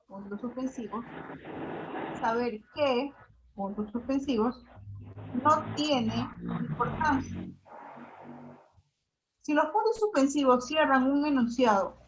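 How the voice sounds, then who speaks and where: Slow, high-voiced woman reading a lesson. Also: slight background noise. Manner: slow, careful reading of examples. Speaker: student presenter. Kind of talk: reading a class presentation. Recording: dull lo-fi audio.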